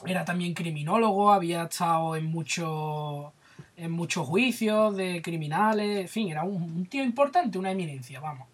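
A podcast host with a Spanish accent, retelling a comic story in an animated way, with lots of swearing. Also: mid-range voice, moderate pace. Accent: Spain. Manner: animated, profane, retelling stories with voices. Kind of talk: casual storytelling chat.

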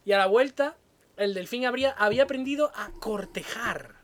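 A man's voice: extremely high pitch, normal speed, fairly bright tone, slight background noise. A man tells a story in casual conversation. He keeps chuckling as he talks, loose and unscripted. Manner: laughs often while telling a story. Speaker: podcast co-host.

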